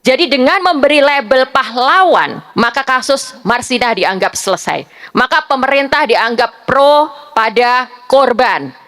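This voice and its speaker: A young woman speaking as a panelist at a public forum, making her case in a measured, argumentative way and building her points one by one. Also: high-pitched, animated, a bit bright. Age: young adult. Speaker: panelist, civic activist.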